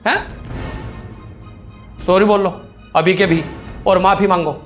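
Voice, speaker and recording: A man plays a young husband in a family comedy skit who talks in a fairly high voice. He scolds and lectures insistently, standing loyally by his elder brother. Soft music plays faintly underneath. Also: fairly even intonation, measured pace. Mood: scolding. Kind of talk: scripted family comedy scene.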